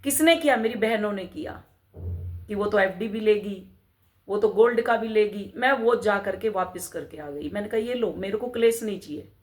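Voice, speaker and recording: A woman's voice: medium pitch, normal speed. A middle-aged woman talking as a spiritual mentor, urging her listeners on with rhetorical questions and repeated calls to keep going. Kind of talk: motivational spiritual talk.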